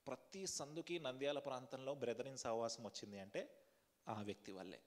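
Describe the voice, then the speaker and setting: In a church hall, a male pastor preaches a sermon, putting questions to the congregation and leading a fervent prayer in a repetitive cadence. His medium-pitched voice moves fairly quickly, and the room leaves a long reverb tail.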